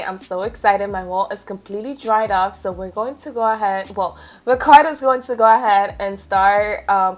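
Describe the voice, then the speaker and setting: A young woman chatting casually and informally as she vlogs about home decor. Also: mid-range voice. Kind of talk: casual vlog chat. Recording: background music.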